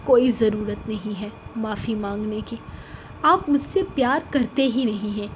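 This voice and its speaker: A woman's voice: mid-range voice, dull audio, a little hiss or hum, lightly acted. A woman voicing a sulky, tearful young wife in an audiobook novel reading, speaking in a pouting tone.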